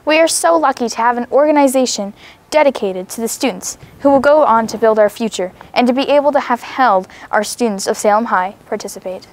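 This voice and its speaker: A woman's voice: on the high side, a little fast. A teenage female student co-anchor reading mock newscast copy earnestly, with occasional stumbles. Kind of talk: mock newscast read from a script.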